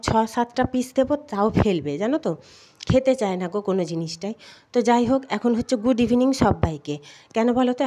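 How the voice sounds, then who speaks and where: A woman's voice: a little high, darkish tone, poor audio. A middle-aged woman talking to viewers in a chatty, homely way over a cooking vlog, a little out of breath. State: slightly out of breath. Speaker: vlogger. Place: home kitchen. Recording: audible background noise.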